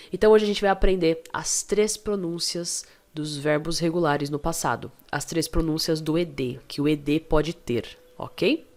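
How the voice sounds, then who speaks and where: A Brazilian woman with a low voice and a Brazilian Portuguese accent gives an online English lesson over her screen. She is chatty and encouraging and keeps checking in with quick questions. Her tone is relaxed and plain, like a teacher talking to her own students.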